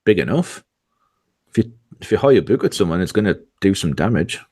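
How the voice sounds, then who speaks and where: A man in his forties speaks in a very low, deep register. He co-hosts a casual podcast, rambling through anecdotes with frequent restarts and laughter. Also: big pitch swings, darkish tone, husky, no echo, studio quality. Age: 40s. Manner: rambling storyteller, halting restarts, laughs often. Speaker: podcast co-host. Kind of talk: casual chat.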